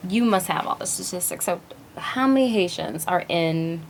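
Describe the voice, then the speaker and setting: A woman's voice: on the low side, lively intonation, moderate pace, vocal fry, a little hiss or hum. A woman hosting a TV talk show, chatty and enthusiastic as she interviews a guest in a studio.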